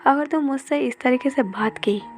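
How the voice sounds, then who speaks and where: Woman doing a worn-out vampire husband, pleading, kinda high voice. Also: moderate pace, faint music behind. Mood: hurt. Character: tired male vampire husband. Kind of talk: storytelling in Hindi.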